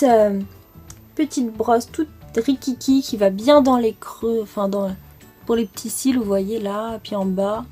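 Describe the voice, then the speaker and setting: A woman's voice: a little high, a little mellow. A young French woman chatting casually through a makeup product review, enthusiastic and full of fillers. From France. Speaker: beauty vlogger.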